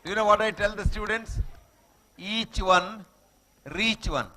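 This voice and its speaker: Pushed and bright, the man's voice sits high with fairly even intonation and a slightly slow pace. He has a Telugu Indian accent and visits schoolchildren as a guest speaker, emphatically repeating short maxims in a motivational talk and making sure they follow.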